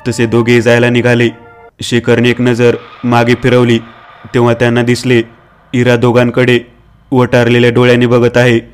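A man narrating a horror story in a steady, even-toned scripted reading. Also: medium pitch, moderate pace, smooth, faint music behind.

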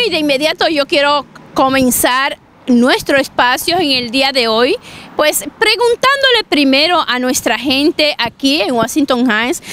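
Lively woman reporter on a street. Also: high-pitched. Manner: lively, chatty questioning. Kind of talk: street interviews. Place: city sidewalk outdoors. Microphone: handheld mic. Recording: street noise behind.

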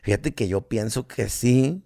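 A man's voice: mid-range voice, unhurried, creaky, warm tone. A middle-aged man with a Mexican accent, chatting casually as a podcast co-host, joking crudely and acting out what people said. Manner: crude, joking, acts out quotes. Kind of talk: casual chat.

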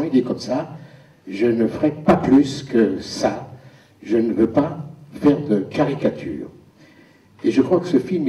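A man, an actor, telling wry stories about the filming at a premiere Q&A, with pauses as he goes. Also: mid-range voice, warm tone. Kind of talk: anecdotal talk at a premiere Q&A. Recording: echoey hall, distant dull mic.

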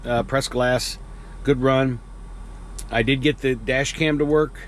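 A man's voice: mid-range voice, fairly even intonation, slow. Middle aged trucker guy just talking to the camera in his cab, rambly, lots of ums, faint road hum behind him. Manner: rambling, conversational, many fillers. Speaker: truck driver vlogger. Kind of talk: casual vlog monologue. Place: truck cab at night, earlier outdoors at a loading yard.

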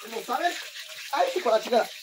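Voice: mid-range voice, animated, fast talker, noisy background. A person with a Mexican accent chatting on a phone livestream at home, profane and chatty, often laughing and bustling about. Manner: chatty and profane, keeps calling the audience "sisters"; loud and laughing, dashing around the house with the phone. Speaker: livestream host. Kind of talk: casual livestream chat.

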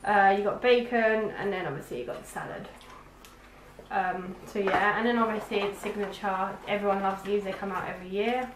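Medium in pitch and a little fast, this London woman in her 20s chats and teases as a co-host of a casual food taste-test vlog. The recording comes from an echoey room with faint hiss behind it.

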